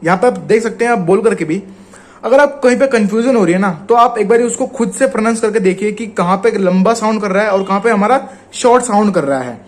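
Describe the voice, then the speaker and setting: In a fast, casual lesson, a shorthand teacher with an Indian Hindi accent explains things patiently. His voice sits fairly high for a man, and he lingers on the example words, drawing them out.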